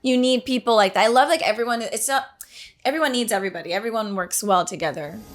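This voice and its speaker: A woman host giving casual, expressive reaction commentary, full of exclamations and interjections. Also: fairly high pitch, quick pace.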